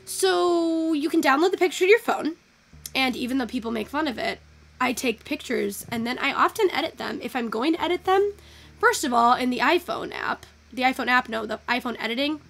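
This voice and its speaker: A young woman chatting casually through a photo-editing tutorial, thinking out loud and swearing now and then. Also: high-pitched, lively intonation, brisk, creaky. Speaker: virtual photography streamer.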